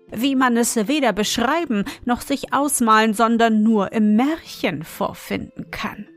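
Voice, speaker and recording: A woman narrates a fairy tale slowly and evenly, her voice sitting fairly high. Faint music plays softly beneath her reading. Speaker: storyteller. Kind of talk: fairy tale read aloud.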